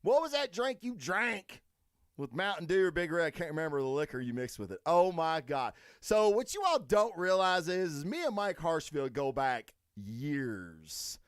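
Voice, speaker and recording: Profane, animated podcast host. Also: male voice, on the high side, moderate pace, clear, resonant tone, no room sound, studio quality. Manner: profane rambling storytelling. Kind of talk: solo podcast chatting with live chat.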